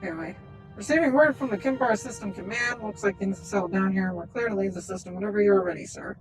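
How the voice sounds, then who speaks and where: A man's voice: sits high, fast, faint music behind, pitched above the performer's own voice. A man streaming a game with a voice changer on that makes him sound like a woman, chatting casually and reading in-game dialogue aloud. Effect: voice changer making him sound female. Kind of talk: casual gameplay commentary.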